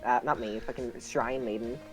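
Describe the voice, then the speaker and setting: A woman's voice: rumbling low, fairly even intonation, moderate pace, soft background music, low-quality recording. A young woman in a casual group game reading, sarcastic and swearing freely. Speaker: player voicing characters.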